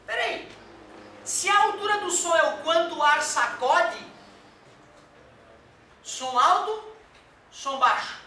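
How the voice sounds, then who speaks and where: A man's voice: very high-pitched, expressive, slow, pauses often, pushed and bright, slight background noise. A man teaching a classroom lecture in a joking, colloquial way, dropping swear words and acting out quoted voices. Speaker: physics teacher. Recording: very echoey room, mic far off.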